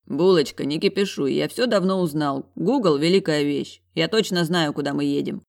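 A man narrating a first-person audiobook in a calm, gentle, reassuring way. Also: a little high, moderate pace, gravelly.

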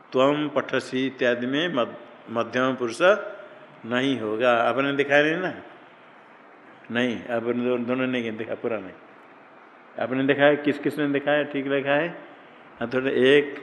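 A man, speaking at a middle pitch, leads a grammar class and keeps quizzing his students, repeating the same question until it lands. His voice rings out with a long hall reverb. A faint hiss of room noise sits underneath. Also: fairly bright tone. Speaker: Sanskrit grammar teacher. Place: large reverberant classroom at an ashram.

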